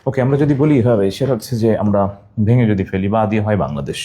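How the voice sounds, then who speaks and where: Speaking fast in a lowish, mellow, husky voice, a man from Bangladesh leads a general knowledge class. Items get repeated again and again; he fires questions at students and instructs them to write down mnemonics and other memory tricks.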